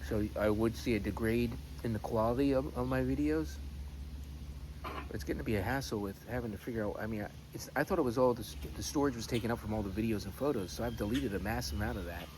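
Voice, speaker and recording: A man chatting casually in a rambling, halting way with mild swearing, as a vlogger recording on his phone. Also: mid-range voice. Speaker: pipe-smoking vlogger. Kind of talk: rambling casual chat vlog. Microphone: phone camera. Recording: noisy phone recording with clear background noise.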